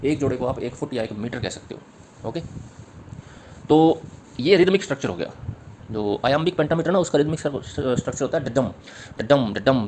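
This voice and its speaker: A man's voice: medium pitch, slight background noise. A man teaching literature in an exam-prep lecture. He explains step by step, repeats key points and taps out rhythms aloud. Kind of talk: exam-prep lecture mixing Hindi and English.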